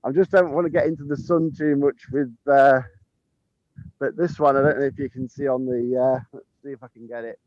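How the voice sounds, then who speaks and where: A head gardener shows off his sunny garden in a relaxed chat, filming on a handheld phone as he walks, with frequent chuckles and ums. His mid-range voice is fairly even in intonation and a little fast, with no echo and a lo-fi sound.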